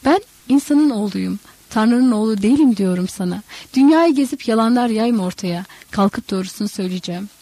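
A woman voicing an enraged grown man who shouts in a raised, forceful voice, read in a storybook reading. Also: a little high, lively intonation, brisk, hardly any pauses, dry recording. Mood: pleading. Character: furious grown man, a carpenter denying he is divine.

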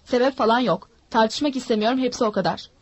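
A woman's voice: a little high, quick pace, no echo, close to an everyday voice. A woman voicing a stern father who answers curtly and seriously. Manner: curt, serious. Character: grim, stern father, curt.

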